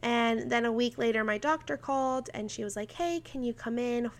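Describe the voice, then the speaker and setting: A woman's voice: on the high side, moderate pace. A woman in her twenties chatting through a personal story, filling her talk with "like" and quoted dialogue, emotional and laughing now and then. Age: 20s. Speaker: vlogger.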